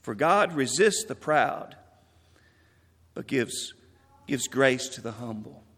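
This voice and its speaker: Earnest pastor in a reverberant hall. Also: male voice, mid-range voice, animated, a bit bright. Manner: earnest, measured, quoting scripture. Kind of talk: memorial sermon.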